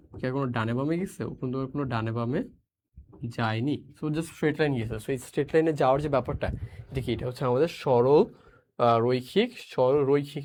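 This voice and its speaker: A man's voice: medium pitch, a little mellow, slight background noise. A young man teaching a school physics lesson, asking questions and repeating the answers, with English words mixed into his speech. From Bangladesh.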